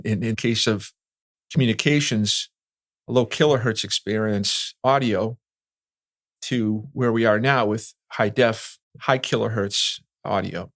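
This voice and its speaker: This man, a longtime security and communications professional, fields interview questions as an expert, chatting through explanations and checking in with "right?" often. His voice is on the low side, with no room sound.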